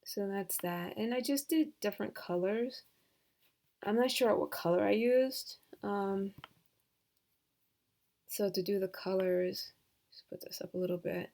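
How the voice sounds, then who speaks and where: Gravelly-voiced woman thinking aloud. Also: medium pitch. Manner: casual, hesitant, thinking aloud with many fillers. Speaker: software tutorial host. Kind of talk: screen-recorded tutorial.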